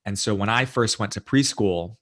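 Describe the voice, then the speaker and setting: An American guest author tells the story of his life in a thoughtful, measured interview, frequently slipping in "you know" and "right?". His voice sits fairly low and has a fairly bright tone as he reflects.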